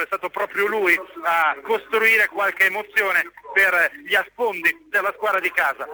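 A man gives running football commentary for radio. His voice is high for a man and very bright and forceful. It sounds like it comes down a telephone line. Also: no room sound. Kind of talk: live play-by-play commentary.

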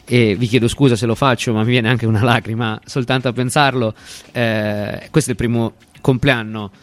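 A man's voice: mid-range voice, fairly even intonation, normal speed, dry recording. A man hosting a live local radio show, talking informally to listeners. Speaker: radio host.

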